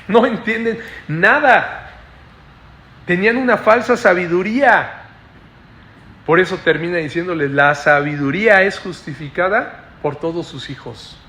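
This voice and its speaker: A man preaching a Bible study sermon, explaining slowly and repeating phrases while he keeps checking in with his listeners. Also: high-pitched, bright, forceful tone. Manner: keeps adding questioning "¿no?" tags to the listeners. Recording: echoey room.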